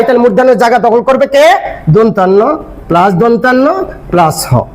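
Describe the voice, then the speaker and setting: A man's voice: high-pitched, a little mellow. An older man explaining grammar step by step, asking questions and then answering them himself. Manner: explanatory, asks and answers his own questions. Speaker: grammar teacher. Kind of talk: classroom-style grammar lesson.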